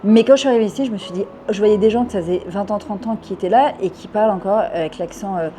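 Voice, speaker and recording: A woman's voice: mid-range voice, quick pace, warm tone, a little hiss or hum. Fervent, talkative woman, around fifty. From France. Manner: fervent, talkative, sprinkles Hebrew words. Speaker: interviewee, French immigrant. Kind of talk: casual interview talk.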